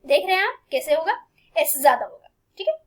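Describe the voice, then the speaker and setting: A woman science teacher explaining a lesson to students patiently and repetitively, reading textbook lines slowly and then explaining them in her own words. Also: high-pitched, sing-song. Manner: reads English textbook lines slowly, then explains in Hindi with many fillers.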